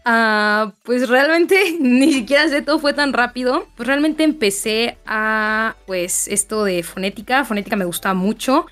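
A woman who teaches phonetics, talking in a relaxed way with lots of fillers in a casual group chat. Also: on the high side, unhurried, hardly any pauses, faint music behind. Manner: relaxed, uses filler 'pues'.

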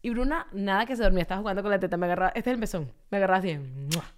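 A woman's voice: medium pitch, very fast. A woman in her thirties with a Venezuelan accent, chatting and telling stories as a podcast co-host, often laughing. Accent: Venezuelan Spanish. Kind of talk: casual chat.

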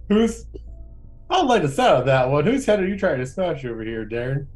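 A man's voice: fairly high pitch, big pitch swings, brisk, soft background music. A man playing a tabletop game, speaking in character with wary, coaxing questions. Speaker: player. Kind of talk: in-character tabletop role-play.

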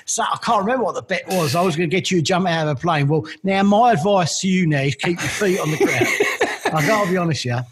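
A man's voice: high voice, fast talker, slightly rough. A middle-aged man from East London with a Cockney accent, chatting through long rambling stories as an interview guest. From East London, England. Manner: chatty, rambling, repeats "I've got to be honest". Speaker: interview guest, militaria collector. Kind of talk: casual storytelling interview.

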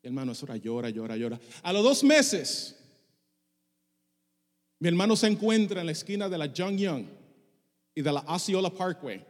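A man's voice: on the high side, expressive, fast, a little mellow, long reverb tail. A middle-aged male pastor preaching a passionate sermon, dropping English phrases into his Spanish. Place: church sanctuary.

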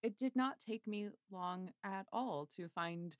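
A woman's voice: medium pitch, measured pace, no room sound, clean studio sound. A hungover woman podcast host chatting casually, fumbling for words and prone to giggling. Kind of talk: casual fan podcast chat.

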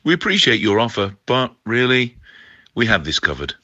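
An actor playing a stern, dismissive military elf official in an audio drama. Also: male voice, medium pitch, very animated, moderate pace, bright, forceful tone, no echo, muffled recording.

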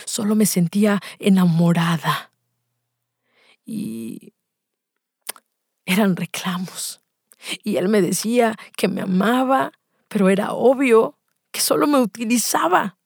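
A woman reading a listener's first-person confession aloud in a hushed, breathy, dramatic way, lingering on pauses. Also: mid-range voice, no room sound, clean studio sound.

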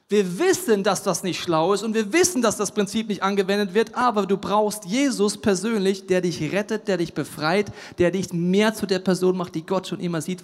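A man preaching a sermon with emphasis, swinging from loud declaiming to hushed, intimate asides. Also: sits high. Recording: long hall reverb.

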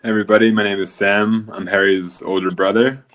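A man, co-hosting a casual podcast in a low-key, hesitant way. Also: little pitch movement, fairly quick, fairly bright tone. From South Philadelphia, USA. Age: 30s. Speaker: podcast co-host.

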